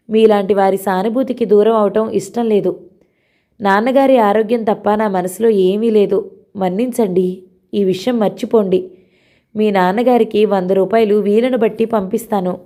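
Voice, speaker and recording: Woman doing a young village daughter, soft earnest pleading, mellow voice, audio novel. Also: medium pitch, steady tone, normal speed, lightly acted.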